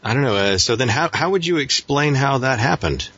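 A man works as a radio interview host, with a husky, medium-pitched voice. His intonation moves up and down a lot as he asks questions and announces. The sound is a little dull and lo-fi. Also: lively intonation, a little fast, a bit bright.

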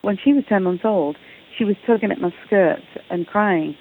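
A guest author from England, speaking with an English accent, talks eagerly in a relaxed interview, frequently repeating words at the start of her sentences. Her voice is husky and medium-pitched at a normal pace, heard through a tinny phone line.

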